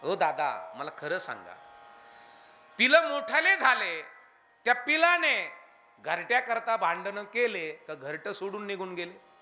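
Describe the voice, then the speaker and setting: High, bright-voiced preacher. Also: male voice, unhurried. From Maharashtra, India. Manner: animated, firing questions at the audience; drops into chanted verse lines. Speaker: kirtan preacher. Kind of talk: devotional kirtan sermon.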